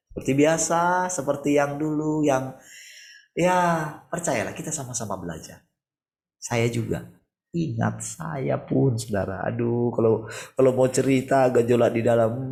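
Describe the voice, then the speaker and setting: Pastor, male, gravelly, conversational sermon on a video call, soft to raised. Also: mid-range voice. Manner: conversational preaching, rhetorical questions, shifts between soft and raised voice. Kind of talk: morning devotional sermon over video call.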